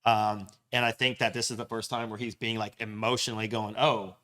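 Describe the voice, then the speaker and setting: Relaxed male podcast co-host. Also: fairly low pitch, brisk. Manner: relaxed, explanatory, playful. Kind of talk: casual chat. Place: tavern.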